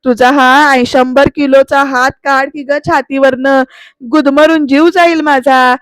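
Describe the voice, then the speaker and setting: A woman's voice: sits high, steady tone, a little slow, no room sound, studio quality. A woman voicing a scheming younger brother in a serial recap, coaxing and whiny. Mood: pleading. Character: scheming middle-aged male schemer, pleading brother.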